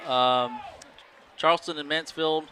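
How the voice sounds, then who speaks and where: A man doing play-by-play for a high school football game, easygoing and filling pauses with "um". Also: fairly even intonation, music in the background, a crowd in the background. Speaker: play-by-play announcer.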